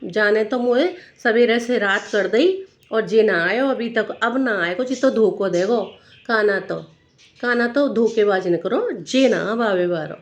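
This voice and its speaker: A woman's voice: medium pitch, a little slow, close to an everyday voice. A woman voicing an angry, stubborn old male devotee who speaks with a Braj accent. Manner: grumbling, scolding.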